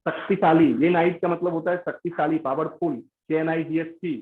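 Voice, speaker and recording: A man with an Indian English accent giving an English pronunciation lesson, switching between Hindi and English and repeating example words slowly. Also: on the high side, level tone. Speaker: English teacher. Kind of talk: classroom lecture mixing Hindi and English. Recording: tinny phone-like sound.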